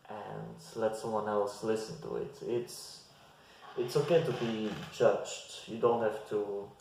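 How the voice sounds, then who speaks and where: A Belgian language-learning vlogger whose first language is Dutch offers casual advice in a low, flat voice. He's slow and hesitant, full of restarts and fillers, speaking in a bare indoor room that is very echoey, recorded by a fixed camera at desk distance.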